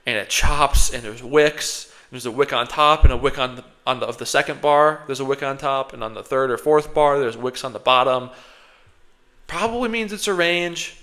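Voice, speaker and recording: Close to his microphone, a man who day trades picks apart his own trading in a rambling, self-critical, casual monologue. He's a little sick with a slight cold and keeps sniffling. His voice is mid-range and a bit bright.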